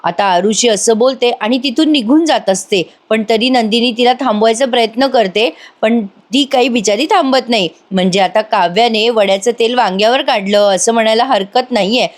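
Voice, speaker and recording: A woman's voice: on the high side, moderate pace, few pauses. Chatty woman recapping a serial. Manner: chatty, addresses viewers directly. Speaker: TV serial reviewer. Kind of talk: voice-over episode recap.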